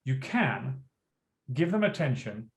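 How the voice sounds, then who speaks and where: A school principal being interviewed, telling animated stories and acting out classroom dialogue. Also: male voice, medium pitch, slow pace. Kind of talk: interview storytelling. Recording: roomy echo.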